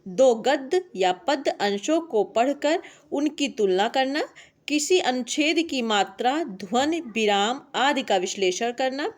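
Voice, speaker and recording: A woman's voice: sits high, a little slow. Woman teacher reading exam points. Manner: reads lists of points, steady classroom delivery.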